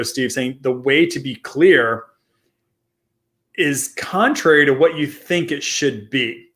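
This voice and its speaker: A man's voice: medium pitch, fairly bright tone. A man co-hosting a marketing podcast, explaining ideas in casual chat and often restarting and repeating his phrases. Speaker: co-host, marketing consultant.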